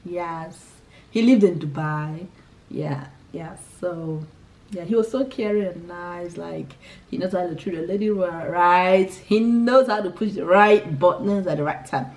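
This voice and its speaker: Recorded far from the mic, a young Nigerian vlogger from Imo State, Igbo by birth, answers a list of tag questions in a relaxed chat. Her voice is fairly low and a little mellow, with a measured pace. She keeps giggling and starting sentences over.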